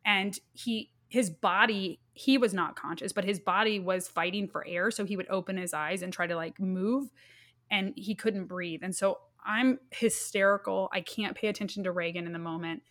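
A woman in her thirties, a guest speaking earnestly and haltingly as she recounts a personal loss. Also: mid-range voice, a bit bright. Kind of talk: emotional personal storytelling.

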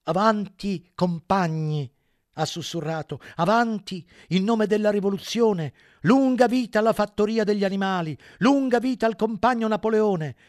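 A man's voice: high-pitched, moderate pace, no echo, clean studio sound, voice pushed up, natural voice. A man voicing a sly male pig propagandist in an audiobook, speaking with mock sorrow. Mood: mock-sorrowful.

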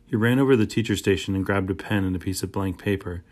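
An audiobook narrator reads a children's chapter book aloud in the first person. His voice sits on the lower side, and his storytelling is steady, plain and quick.

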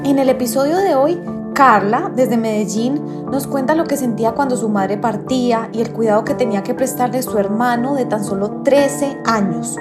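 A woman host reads a scripted introduction in a clear, measured way. Her voice sits a little high, and loud music plays beneath her. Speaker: podcast host. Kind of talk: scripted narration.

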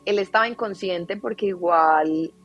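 A woman guest on a podcast, recounting a painful family story at length and laughing softly through the sad parts. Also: mid-range voice, unhurried, lo-fi sound, soft background music. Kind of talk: personal storytelling in a podcast interview.

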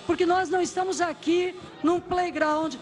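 A woman's voice: extremely high pitch, steady tone, normal speed, faint music behind. A woman lawmaker speaking defiantly in a parliamentary session. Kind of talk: parliamentary speech. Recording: loud crowd noise in a chamber.

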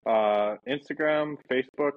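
A man's voice: medium pitch, measured pace. Laid-back Canadian man on dull call audio. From British Columbia, Canada. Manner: laid-back, brief answers. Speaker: guest, metal polisher. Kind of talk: casual podcast chat.

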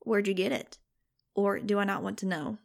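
A woman's voice: medium pitch, level tone, moderate pace, vocal fry, lightly acted. A woman voicing a paranoid, laid-back young male hacker who talks in a casual, slangy way. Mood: wary.

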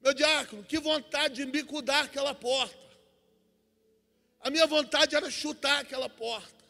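High, bright-voiced preacher in a hall. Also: male voice, steady tone, moderate pace, creaky. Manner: swings from hushed storytelling to shouted preaching. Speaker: preacher giving testimony. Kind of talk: Pentecostal testimony sermon. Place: church. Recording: church hall reverb.

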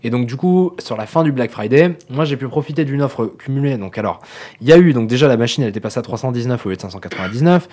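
A man co-hosts a relaxed tech podcast. He speaks at a brisk clip and slips into the voices of the people in his stories as he tells them. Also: medium pitch. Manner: animated, tells anecdotes acting out quoted dialogue. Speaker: podcast co-host. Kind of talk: casual podcast chat.

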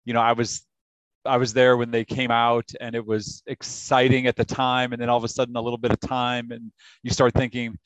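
A middle-aged man, the guest and the host's father, chatting in a measured, thoughtful way with hesitant restarts. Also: medium pitch, level tone, dry recording, poor audio. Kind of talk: casual podcast chat.

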